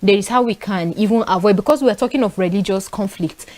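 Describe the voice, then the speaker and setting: Speaking fast at a medium pitch, a young panelist from northern Nigeria shares animated stories in a casual panel chat. She has a Nigerian accent and fills her speech with frequent fillers.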